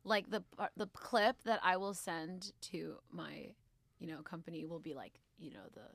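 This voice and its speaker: A woman's voice: on the low side, normal speed, creaky, husky. A woman comic book writer chatting casually as a podcast guest, laughing often and dropping her voice when she gets controversial. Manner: animated, laughs often, drops to near-whisper when getting controversial.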